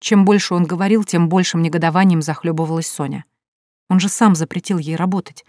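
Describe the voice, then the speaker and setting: Спокойная женщина-чтец, низкий голос. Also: female voice, fairly low pitch, fairly even intonation, fairly quick, warm tone, no echo, clean studio sound. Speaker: audiobook narrator. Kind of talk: scripted narration.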